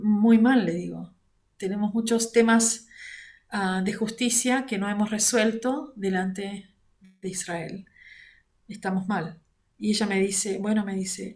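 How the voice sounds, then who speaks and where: A woman from Argentina with an Argentine accent, teaching an online Bible lesson in a measured way, using fillers like "este", recorded on a computer mic. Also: mid-range voice. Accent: Argentine Spanish. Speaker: prayer ministry coordinator teaching a class. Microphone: computer mic on a video call.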